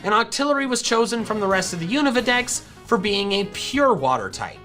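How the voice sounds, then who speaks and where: A woman's voice: medium pitch, very animated, brisk, a bit bright. A woman reading a scripted explainer narration for a video, with music behind her. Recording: music in the background.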